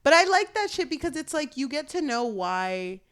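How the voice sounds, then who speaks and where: A woman's voice: high-pitched, sing-song, normal speed, fairly bright tone. A woman chatting casually as a book reviewer, sounding tipsy and rambling, blunt and swearing often.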